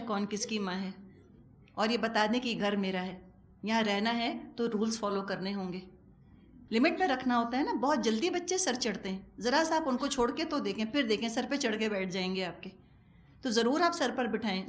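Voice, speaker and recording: A middle-aged woman giving a religious lecture as a Quran teacher, conversational and animated, with wry humor and acted-out asides. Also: on the high side. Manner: animated, acts out quoted speech.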